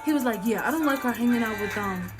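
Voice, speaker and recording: A young American woman with a very high-pitched voice talks fast as a storytime vlogger, telling a casual story straight to her viewers. She's animated and slangy, slipping into acted-out dialogue, with music playing behind her.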